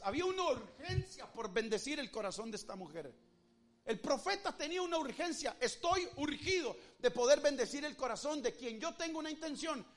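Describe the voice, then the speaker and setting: High-voiced preaching pastor with a Rioplatense accent. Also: male voice. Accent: Rioplatense Spanish. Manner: preaches with sweeping pitch swings, acts out quoted voices. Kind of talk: sermon.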